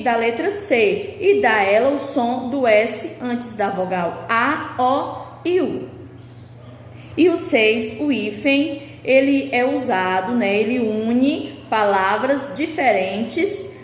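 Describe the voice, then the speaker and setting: A woman with a Brazilian Portuguese accent teaches a remote lesson, walking through workbook exercises one by one. She talks very slowly and patiently, her voice a little high. The room is echoey with a long tail and a faint hiss behind her. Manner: slow, patient explaining, reading out questions.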